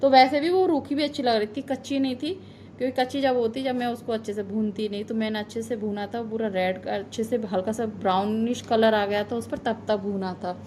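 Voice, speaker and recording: A chatty woman in her thirties narrates her family vlog in a high, bright voice. She sounds homely and gives friendly advice, and her talk turns to heartfelt reflection. A faint hum of home noise sits under her. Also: steady tone, brisk. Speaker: family vlogger, mother. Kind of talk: casual vlog voice-over.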